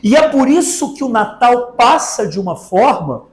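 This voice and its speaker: A man's voice: extremely high pitch, very animated, moderate pace. A man with a Brazilian accent giving a spiritist talk to an audience, asking rhetorical questions and drawing out words for emphasis. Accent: Brazilian Portuguese. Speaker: spiritist lecturer. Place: spiritist center meeting hall. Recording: echoey hall.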